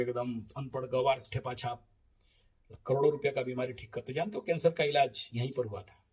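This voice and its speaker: A man, an astrologer, telling stories in a casual spoken monologue, animated and often laughing, swinging between loud and soft. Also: mid-range voice, husky, low-quality recording. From eastern India.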